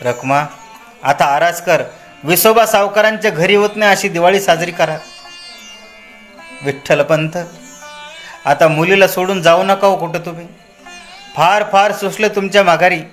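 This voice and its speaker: A man's voice: sits high, moderate pace, long pauses, a bit bright, soft background music. A man voicing a trembling elderly father who speaks in quavering, raised words of blessing. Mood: joyful.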